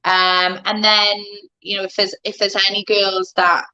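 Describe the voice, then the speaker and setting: A woman's voice: mid-range voice, level tone, measured pace, sharp tone, muffled recording. A woman, answering casually as an interview guest, thinking aloud a little hesitantly. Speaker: guest, MMA fighter.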